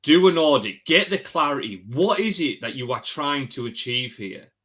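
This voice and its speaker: A man hosting a live session for coaches, chatty and energetic, calling viewers mate and guys. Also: medium pitch, normal speed. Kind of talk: casual live-stream talk to viewers.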